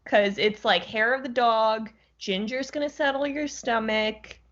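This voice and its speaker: A woman's voice: on the high side, fairly even intonation, a little slow, fairly bright tone. A woman co-hosting a casual podcast chat, teasing her friend with playful indignation. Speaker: podcast co-host. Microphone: video call. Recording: dull lo-fi call audio.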